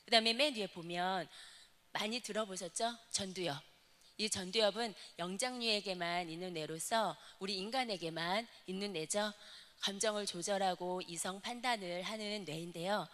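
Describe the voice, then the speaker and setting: A woman's voice: mid-range voice, moderate pace, a bit bright. Korean woman lecturing in a reverberant church. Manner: explanatory, asks the audience questions. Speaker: church deacon giving a talk. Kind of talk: lecture to a congregation. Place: church worship hall. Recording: long hall reverb.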